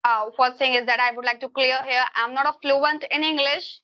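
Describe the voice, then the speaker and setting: On a muffled recording, a woman with a high, steady voice talks at normal speed during a relaxed video call. She's an English teacher from Uttar Pradesh who speaks Hindi and has an Indian accent, giving long, searching answers full of grammar mistakes.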